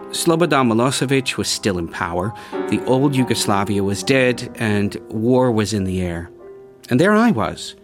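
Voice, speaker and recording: A man from the United States telling a personal story as scripted narration, in a measured and vivid way. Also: medium pitch. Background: music.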